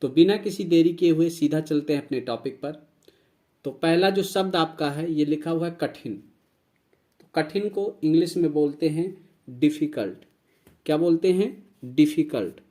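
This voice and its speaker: Guy teaching english words, kinda high voice, repeats and spells everything. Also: dark tone. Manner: slow, repeats each word and spells it out. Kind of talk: vocabulary lesson.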